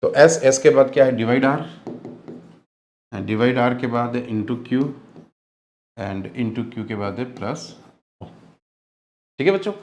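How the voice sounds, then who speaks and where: A man's voice: mid-range voice, expressive, takes it slowly, long pauses, a little mellow, echoey room, slight background noise. A young man teaching a reasoning class, patiently repeating steps and quizzing his students.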